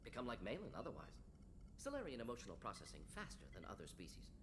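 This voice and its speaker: Brisk, animated alien scientist. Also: male voice, mid-range voice. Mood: brisk, matter-of-fact. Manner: clipped telegraphic phrases. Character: brisk, clinical alien scientist, restless and rational. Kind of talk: video game character acting. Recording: game ambience noise behind voice.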